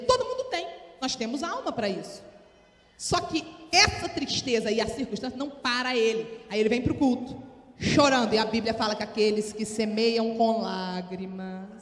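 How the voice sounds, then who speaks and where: A woman with a Brazilian Portuguese accent preaching a sermon to women, often calling for responses from the congregation, her voice swinging between soft and loud. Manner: calls for audience responses; animated, sudden rises in pitch and volume. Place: church hall. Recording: echoey hall with long reverb.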